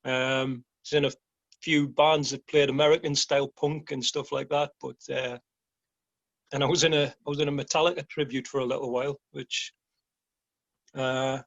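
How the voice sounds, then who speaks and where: A man's voice: mid-range voice, little pitch movement, moderate pace, vocal fry, fairly bright tone. A man in a band talking in an easygoing, candid way in a casual interview. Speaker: band member. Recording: dull lo-fi sound.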